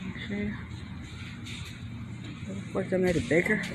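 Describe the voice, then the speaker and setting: A man's voice: sits high, steady tone, slow. A man filming a casual walking tour of a shopping plaza on his phone, in a New York accent, thinking aloud as he goes. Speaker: vlogger. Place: outdoor shopping plaza sidewalk. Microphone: handheld phone camera. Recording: outdoor street noise on phone.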